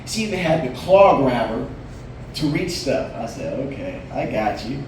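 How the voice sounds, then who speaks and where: Sing-song and mid-range at normal speed, a late-forties comedian spins laid-back stories with punchlines on a bar stage. He's heard far from the mic in a roomy bar, with background noise.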